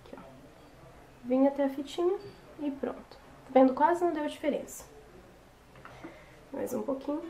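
A young woman, hoarse from a cold, chatting casually through a makeup tutorial. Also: sits high, animated, moderate pace, long pauses, warm tone. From Brazil. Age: young adult. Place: small bedroom, indoors. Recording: roomy echo with background noise.

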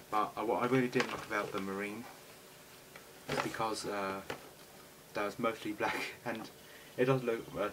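Low-voiced British man unboxing toys. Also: recorded from a distance. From Britain. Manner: chatty, eager toy-collector enthusiasm. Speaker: toy reviewer. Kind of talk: casual unboxing commentary. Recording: noisy home recording with clicks.

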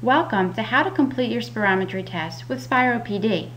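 A woman's voice: on the high side, lively intonation, brisk, fairly bright tone. A woman giving scripted instructional narration as a patient education specialist. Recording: audible background noise with hum.

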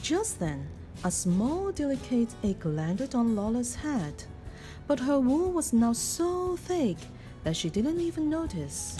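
A storybook reader with a voice on the high side reads a children's picture book aloud, expressive and deliberate in her storytelling.

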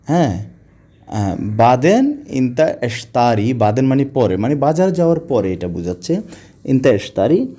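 Brief: male language teacher, mellow tone, patient word-by-word drilling. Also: medium pitch, big pitch swings. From Bangladesh. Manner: slow, repetitive word-by-word explaining. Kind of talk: spoken vocabulary lesson.

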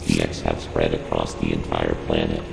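Over music, a man gives a scripted game mission briefing as a cold, analytical computer intelligence, using a rumbling low, creaky, full character voice processed to sound synthetic and robotic. He keeps a moderate pace and a completely flat, formal, clipped, emotionless delivery, instructing in a cold, measured mood. The recording has echoing, reverberant game audio and loud ambient noise.

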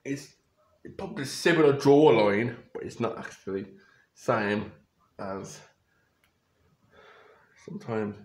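With a medium-pitched, slightly mellow voice, a young YouTuber reacts to photos slowly, leaving long pauses as he rambles, restarts, and corrects himself. A close webcam or phone camera records him in a small bedroom, and the sound is reverberant.

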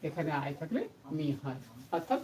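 In a deep, mellow voice at normal speed, with wide pitch movement, a woman explains grammar to camera emphatically and over and over, asking questions she then answers. Faint background noise and a distant mic mark the recording.

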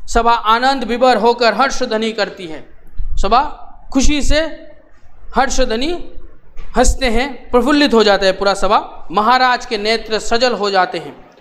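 Male teacher, high-pitched, reads a play line by line and re-explains each in simpler words. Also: a little slow, a bit bright. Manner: repeats each line, then paraphrases it plainly. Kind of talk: reading and explaining a play in a class lesson.

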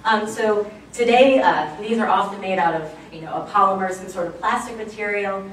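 A woman's voice: medium pitch, normal speed. A woman giving a chatty, enthusiastic public lecture on archaeology, with many fillers. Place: lecture room, recorded from far off. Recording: very echoey room, distant mic, faint background noise.

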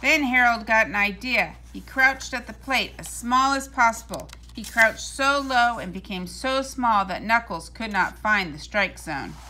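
Reading a children's storybook aloud, a woman with a fairly high-pitched voice uses a deliberate, expressive storytelling style. The audio quality is poor.

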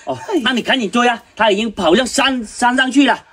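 An easygoing, crafty villager played by a man in his thirties. The voice is husky, recorded outdoors from a few metres in a village comedy skit. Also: very high voice, a little fast, fairly bright tone. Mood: puzzled, feigning innocence. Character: easygoing male villager, crafty protector of a stranger. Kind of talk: rural comedy skit acting. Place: outdoors at a village house doorway.

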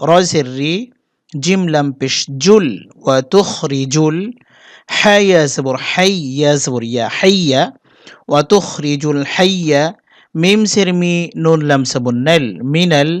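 A man with a Bangladeshi Bengali accent leads a Quran spelling lesson, naming each letter and vowel in a slow, patient cadence. His voice is fairly high for a man, smooth and clean, and sits close to a dry microphone with no room sound. Now and then he breaks into slow, melodic recitation. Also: no room sound. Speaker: Quran teacher.

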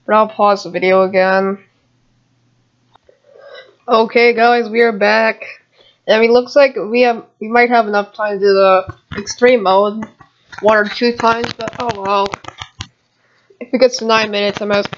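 Narrating his own gameplay video, a gamer speaks in a plain, mid-pitched voice with little pitch movement at normal speed, pausing often. His casual commentary rambles, with muttered asides to viewers. A home computer microphone makes it sound dull and lo-fi.

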